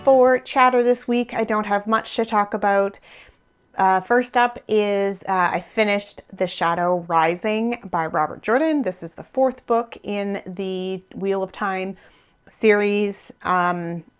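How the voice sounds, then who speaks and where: A woman in her thirties or forties hosts a knitting podcast, chatting casually to camera and rambling with small laughs. Her medium-pitched voice is steady, slow and smooth, though a little worn as she loses it a bit, with faint music behind.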